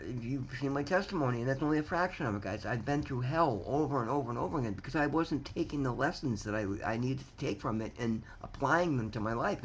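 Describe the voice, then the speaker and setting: A man's voice: medium pitch, a little hiss or hum, poor audio. A man in his fifties giving an earnest, rambling motivational talk to his viewers, often restarting sentences and repeating words as he goes. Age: 50s. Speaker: vlogger sharing recovery story. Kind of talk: casual motivational talk to camera.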